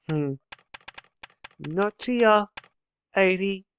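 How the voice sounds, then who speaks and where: A man's voice: sits high, lively intonation, drawn-out words, a bit bright, a little hiss or hum. A young man casually commenting on a game as he plays, musing aloud, reading lines of dialogue and chuckling often. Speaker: let's play host.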